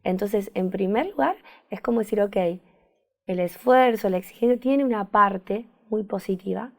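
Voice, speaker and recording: A woman therapist with a Rioplatense Spanish accent appears as a guest in a reflective, conversational interview. She speaks thoughtfully at normal speed in a mid-range voice, often searching for words and repeating phrases.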